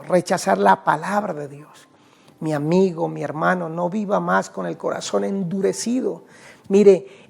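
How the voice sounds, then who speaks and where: A man's voice: high voice, vocal fry, a little mellow. A man with a Colombian Spanish accent, preaching an evangelistic sermon emphatically, addressing listeners directly and reading scripture aloud. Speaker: pastor.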